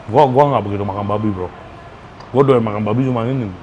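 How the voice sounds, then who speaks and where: A food vlogger with a Jakarta Indonesian accent and a lowish, slightly mellow voice talks fast in a casual, enthusiastic food review, slangy and mixed with English phrases. He is in a restaurant, with restaurant ambience clearly audible in the background.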